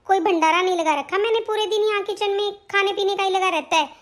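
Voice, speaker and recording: Woman acting out a mean bahu, scolds sharp and fast, very high pitched, always nagging about money. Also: steady tone. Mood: scolding. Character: bossy, stingy young daughter-in-law. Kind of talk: comedy sketch acting.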